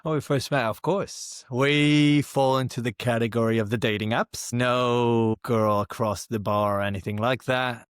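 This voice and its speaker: A man with a mixed international accent, chatting as a podcast guest in a relaxed, joking way. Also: medium pitch, normal speed, few pauses, clear, resonant tone, no room sound, clean studio sound. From Australia. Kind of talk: casual chat.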